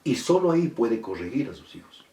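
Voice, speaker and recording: A middle-aged man preaches a sermon as pastor, telling a story and acting out what the people in it said. His voice is mellow and dark. He is heard from a distance in an echoey church. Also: mid-range voice, big pitch swings, brisk, a little hiss or hum. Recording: echoey room from far off.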